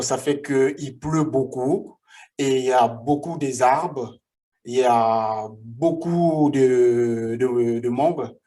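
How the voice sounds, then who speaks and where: A vlogger from the Republic of the Congo, a man in his forties, tells the story of his life, stopping frequently and going back over his words. He speaks with a warm tone at a medium pitch.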